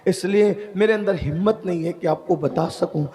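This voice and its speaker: A man's voice: sits high, warm tone, lightly acted. A man preacher voicing a weeping, remorseful young man pleading and confessing.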